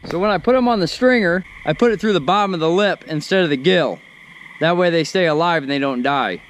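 On a nighttime riverbank, a man vlogs his catfish fishing, talking excitedly as he reels in. His slightly high voice is fairly quick, and the low-quality action camera recording has a little hiss or hum, with the mic sometimes far off.

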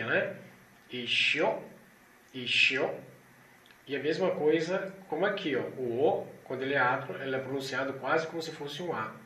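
A man's voice: fairly high pitch, a bit bright, slight background noise. A man teaching a language lesson, who patiently repeats each sound several times and often checks in with tag questions. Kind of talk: explaining Russian letters, slowly repeating sounds. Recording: echoey room with faint ambience.

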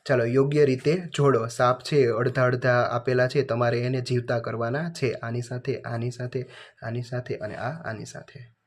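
Flat-voiced man reading answers. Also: medium pitch, normal speed. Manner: reads answers in a flat, list-like way. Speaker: teacher. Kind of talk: workbook answer walkthrough.

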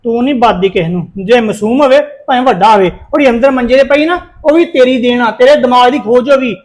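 A man playing a fast-talking stern husband. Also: very high voice. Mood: accusing. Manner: accusing, scolding. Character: stern suspicious husband and son. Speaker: actor in a family drama. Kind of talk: amateur family drama acting.

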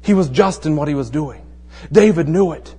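A pastor with a notably high male voice delivers a relaxed, conversational sermon. He mixes easy joke-telling with pointed rhetorical questions. He often drops to a hushed tone to press a point home. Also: moderate pace, breathy edge, long reverb tail. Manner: tells jokes in a relaxed storytelling way.

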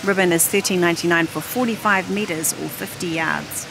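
Gravelly, fairly low, and a little fast, a middle-aged woman's voice carries her shopping vlog through a busy warehouse store. She films on a handheld phone, chatting and thinking aloud as she browses, with loud store noise behind.

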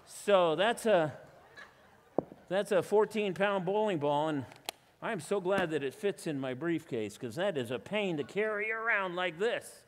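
A man's voice: high voice, animated, measured pace, a little hiss or hum. Chatty man doing magic patter in a hall. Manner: chatty, self-deprecating, playful asides. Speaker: stage illusionist. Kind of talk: live magic show patter with audience volunteer. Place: church hall before a live audience.

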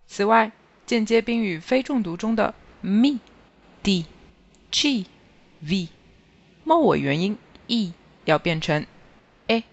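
A teacher reads a grammar review lesson at a slow, careful pace, pausing over each item in a list. The voice sits at a middle pitch. The recording sounds slightly dull and lo-fi. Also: vocal fry. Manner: slow, even, careful reading of word lists. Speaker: language teacher. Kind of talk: scripted grammar lesson narration.

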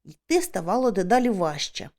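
A woman narrating a children's adventure audiobook in the first person, with expressive, dramatic storytelling. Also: mid-range voice, brisk.

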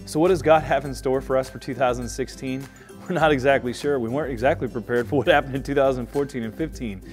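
Pastor guy in his 30s, earnest upbeat church promo talk, clear music underneath. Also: mid-range voice, fast, darkish tone. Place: indoor room, seated.

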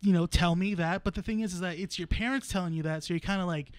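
A young man in his late twenties co-hosts a casual podcast, his voice sitting noticeably high for a man. He rambles through his points with plenty of "you know" and "um." The sound is dry and close. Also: fast talker, dry recording. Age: 20s. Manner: rambling, filler-heavy, animated storyteller. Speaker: podcast co-host. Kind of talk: casual chat.

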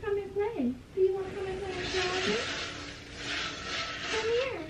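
A woman's voice: very high voice, fairly even intonation, moderate pace. A woman voicing an eerie, childlike ghost girl with a singsong, taunting delivery, played through a speaker. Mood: eerie coaxing. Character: creepy little ghost girl luring someone to play. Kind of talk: creepy horror taunting. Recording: noisy echoey room, far from mic.

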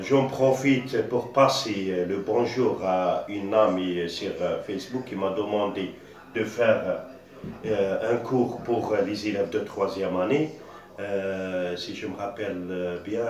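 A man's voice: low voice, steady tone, slow pace, darkish tone. A male teacher with an Algerian French accent giving a patient reading lesson, spelling out syllables with frequent hesitations. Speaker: primary school teacher. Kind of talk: slow classroom-style reading lesson. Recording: echoey room, distant dull mic.

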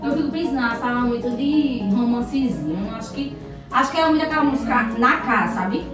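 A woman's voice: fairly high pitch, a little fast. A woman with a Brazilian Portuguese accent, a friend in a prank video, frantic and breaking into laughter. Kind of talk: staged panic in a prank video. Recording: roomy echo from a distance, music behind.

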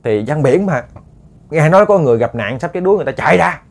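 A man's voice: fairly high pitch, expressive, fast talker, creaky. A man with a Southern Vietnamese accent telling a ghost story to listeners, casual and chatty with many repeated words.

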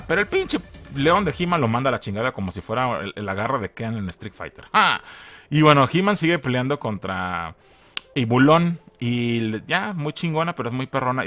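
Man, Mexican accent, casual video review, swearing, joking, bright lively voice. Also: medium pitch. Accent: Mexican Spanish. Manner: profane and joking, laughing often.

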